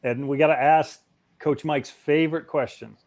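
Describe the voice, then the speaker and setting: A man hosting an interview, asking questions in a measured, plain way. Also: fairly high pitch, steady tone, darkish tone. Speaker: host.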